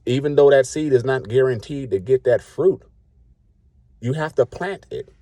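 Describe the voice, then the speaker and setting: A man's voice: mid-range voice, moderate pace, warm tone, dry recording. A man in his late thirties giving a blunt, colloquial, preachy rant to the camera. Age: 30s. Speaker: vlogger.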